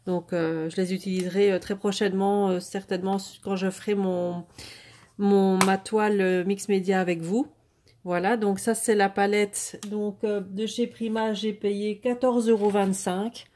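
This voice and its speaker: A woman vlogger casually showing off craft supplies she bought, talking hesitantly with many fillers and restarts but clearly enthusiastic. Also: mid-range voice, steady tone, measured pace, darkish tone. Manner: enthusiastic about the products. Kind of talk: casual product haul chat.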